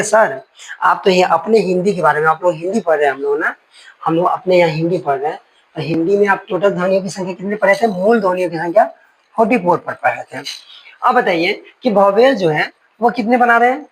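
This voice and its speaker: A man teaching a grammar lesson, his voice sitting a little high with a husky edge. He explains through homely comparisons and keeps checking that the class follows along. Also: low-quality recording. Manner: explains with folksy analogies and asides, checking in often.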